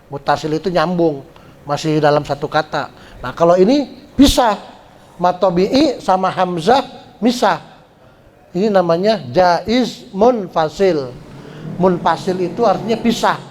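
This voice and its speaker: A man teaching Quran recitation rules at a study gathering, explaining patiently and chanting drawn-out syllables to show pronunciation. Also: sits high, a little mellow. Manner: slow, patient explaining with frequent "ya" check-ins. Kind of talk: tajwid lesson at a religious study gathering.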